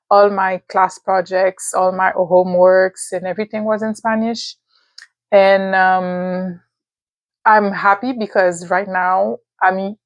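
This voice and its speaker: A young woman vlogger with a Haitian accent, a native speaker of Haitian Creole and French, gives a thoughtful advice talk to the camera, with pauses and fillers. Her voice is medium-pitched, and the recording is dry.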